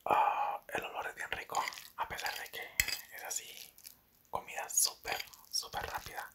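A young man doing whispered ASMR eating commentary in halting, short phrases, close to the microphone in a small bedroom. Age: young adult. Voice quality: breathy, unvoiced whisper. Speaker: ASMR mukbang creator. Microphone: desk microphone close to the mouth.

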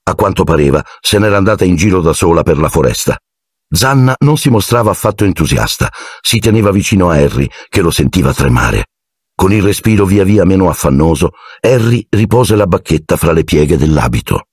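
A man narrating an audiobook in an expressive storytelling manner. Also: low-pitched, a little fast, husky, dry recording, studio quality. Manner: expressive storytelling, shifting into character voices. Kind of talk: scripted narration.

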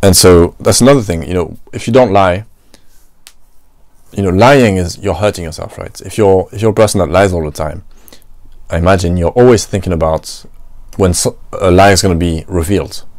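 An adult man from France, working at a restaurant, delivers a reflective solo podcast monologue, thinking aloud and regularly inserting "you know" and "right." With a French accent, he speaks at a moderate pace in a low, slightly mellow voice, captured in clean studio sound with no echo.

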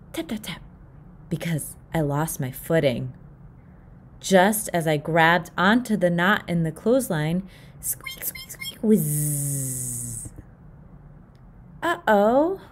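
A woman reads a picture book aloud for a children's storytime, taking her time over each line. Her voice moves lively up and down, and she acts out the little sound effects as she goes. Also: lowish voice, slight background noise. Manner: expressive, with acted sound effects. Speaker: storytime reader.

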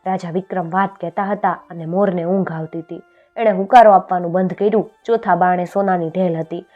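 A woman telling a traditional folk tale in an expressive storytelling voice, lifting her voice for the characters. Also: fairly low pitch, brisk. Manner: expressive, raises voice for quoted characters. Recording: dull lo-fi sound with faint music.

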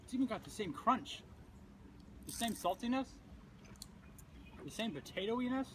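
A man's voice: very high-pitched, animated, normal speed. A man with his mouth full of chips, talking in a playful, wry way while tasting food. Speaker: taste tester. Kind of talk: casual chat. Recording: noisy background.

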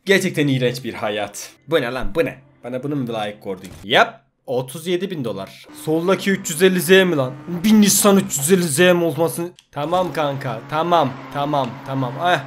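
A man giving loud, joking commentary while playing mobile games. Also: a little high, animated, fairly quick, few pauses, soft background music. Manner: loud, jokey, swearing, exclaiming at the game. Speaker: gaming youtuber. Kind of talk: let's play commentary.

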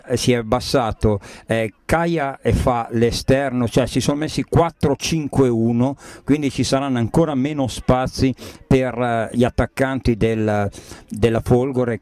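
A man's voice: medium pitch, darkish tone, no echo. A man giving tactical football commentary, often hesitant as he searches for words. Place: outdoors at a local football pitch.

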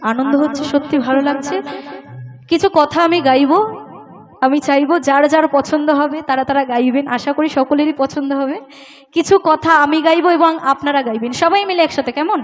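A woman folk singer talking from a live stage, coaxing the audience to clap and sing along. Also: high-pitched. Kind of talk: live stage talk between songs. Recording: loud band music behind the voice.

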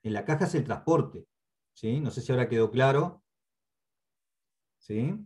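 A man with a Uruguayan accent gives a patient online training lecture, repeating key points and often checking in with a quick "¿sí?". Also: mid-range voice, darkish tone. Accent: Uruguayan Spanish. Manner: checks in with frequent "¿sí?"; hesitant fillers and restarts. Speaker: instructor. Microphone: computer mic on a video call.

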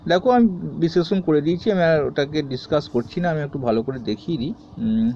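Man, teacher, steady explaining, slightly dull home recording, faint hiss. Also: on the high side, fast. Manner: reads questions then answers in a steady explaining tone. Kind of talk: recorded grammar lesson for students.

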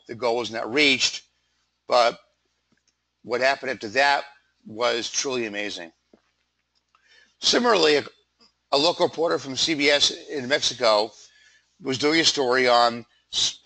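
A man with a froggy voice giving a conversational slide presentation as a sales pitch, informally stressing items in lists. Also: pushed and bright, a little hiss or hum, poor audio. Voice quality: froggy, throat-clearing voice. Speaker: PR company presenter.

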